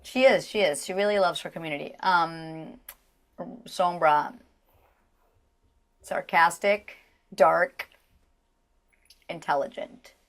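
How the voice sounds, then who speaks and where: A woman voice actress talking casually as an interview guest. Her voice is naturally low, and she speaks in an animated way with frequent fillers and sudden character voices. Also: takes it slowly, long pauses.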